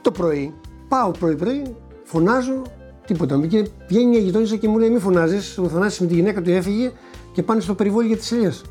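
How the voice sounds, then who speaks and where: Older man, personal anecdote, acts out the dialogue, repeats words when moved, raised pitch. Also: darkish tone, soft background music. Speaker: interviewee recounting a lottery win. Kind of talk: personal anecdote told to an interviewer.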